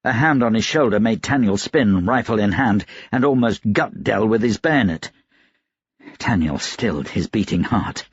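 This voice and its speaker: A man narrating a fantasy audiobook in an even, measured storytelling voice. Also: on the low side, slightly rough, no echo, muffled recording. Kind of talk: scripted narration.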